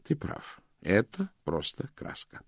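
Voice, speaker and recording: A man reading the part of a calm, shrewd middle-aged detective in an audiobook, measured and softly spoken. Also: fairly low pitch, creaky, no echo, studio quality, exaggerated voice.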